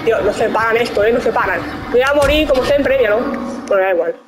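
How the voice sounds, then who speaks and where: A woman's voice: fairly high pitch, fast, background noise. A young woman from Spain chatting casually over a video game, scolding enemies, swearing and exclaiming. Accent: Spain Spanish. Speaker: gaming streamer. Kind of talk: casual let's-play commentary.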